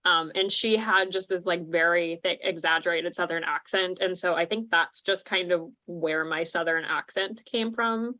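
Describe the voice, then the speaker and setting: Bright-voiced chatty woman. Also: lowish voice, fairly even intonation, moderate pace, hardly any pauses. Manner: chatty and giggly, with many fillers. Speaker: musical theatre actor on a cast panel. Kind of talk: casual chat.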